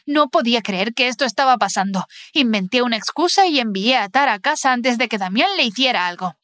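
A young woman tells an animated story in first person, in a bright, fairly high voice. The recording is close and dry. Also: brisk, dry recording. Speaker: narrator. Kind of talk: scripted narration of an animated story.

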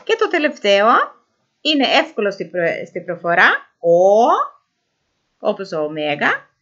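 A woman giving an informal pronunciation lesson who sounds out vowels slowly and repeats them. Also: mid-range voice, wildly swooping pitch, bright, forceful tone. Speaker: language teacher. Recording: dull lo-fi recording.

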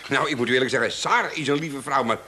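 Swiebertje, husky cheerful tramp. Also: male voice, mid-range voice, quick pace, bright, forceful tone. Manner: good-natured, cheeky. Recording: old VHS television audio.

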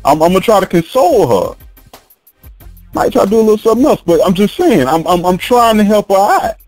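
A man's voice: high-pitched, big pitch swings, fairly quick, darkish tone, no room sound, faint music behind. A man hosting a casual podcast chat, talking in a rambling, emphatic and profane way and laughing often. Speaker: podcast host.

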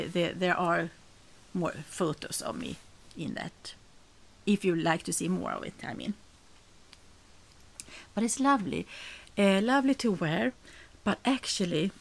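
A middle-aged Swedish woman with a Swedish accent and a gravelly, medium-pitched voice hosts a podcast, chatting casually to the camera. She often searches for words and rephrases herself.

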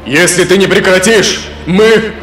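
A man's voice: on the high side, animated, moderate pace, creaky, fairly bright tone, soft background music, pitched above the performer's own voice. A man voicing frightened, defiant fantasy council leaders in a raised, agitated voice.

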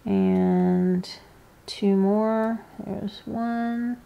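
Slow-paced woman giving craft instructions. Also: medium pitch, steady tone, gravelly, lo-fi sound. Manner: unhurried, informal, with pauses between steps. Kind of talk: hands-on step-by-step instruction. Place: indoors, seated at a work table.

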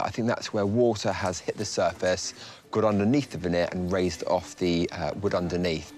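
A British man in his thirties, a furniture restorer, calmly explaining his repair work step by step to camera in a wooden workshop. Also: lowish voice. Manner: calm, matter-of-fact step-by-step explanation. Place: large wooden workshop, indoors.

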